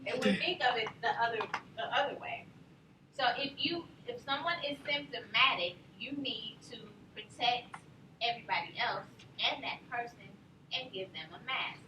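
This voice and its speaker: A woman teaching a nursing class, telling lively stories and quizzing her students. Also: a little high, normal speed, noisy background. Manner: animated storyteller, quizzes the class. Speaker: nursing instructor. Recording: roomy classroom from far off.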